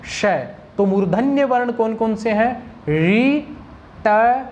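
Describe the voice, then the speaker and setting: A woman's voice: a little high, moderate pace, darkish tone. A woman teaching Sanskrit pronunciation, drilling single sounds and answering her own questions to the class. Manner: asks questions and answers them herself; drills sounds one at a time. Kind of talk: pronunciation lesson.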